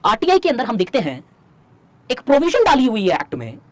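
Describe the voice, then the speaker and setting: A man teaching an online exam-prep class. He talks fast, asks the students rhetorical questions, and slows right down to dictate lines for them to write. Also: extremely high pitch, huge pitch swings, a little mellow, no echo. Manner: fast in Hindi, slow dictation in English. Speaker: civil services exam teacher.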